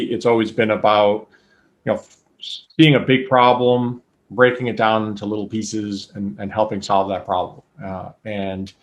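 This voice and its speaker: A man in his forties, born in Colombia and raised in New England, talking through his career in a thoughtful, methodical way. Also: lowish voice. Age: 40s. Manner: thoughtful, methodical, with frequent restarts and fillers. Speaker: guest, engineer. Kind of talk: casual interview.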